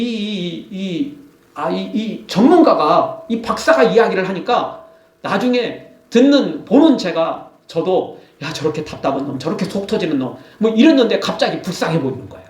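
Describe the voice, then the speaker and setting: A male pastor preaching a sermon, animated, acting out scolding quotes. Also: high voice, echoey room, recorded from a distance. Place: church.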